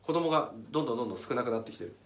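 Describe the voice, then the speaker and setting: A man's voice: mid-range voice, animated, very fast, creaky, fairly bright tone. A man giving a casual, step-by-step explanatory talk as channel host, pointing things out on a chart as he goes. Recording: echoey room, mic at a distance.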